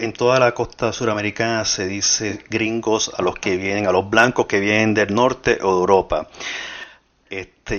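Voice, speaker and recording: A man's voice: on the low side, fairly bright tone. A man from Puerto Rico hosting an interview, eager and explaining things for the listeners. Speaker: host. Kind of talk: interview conversation. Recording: muffled lo-fi audio.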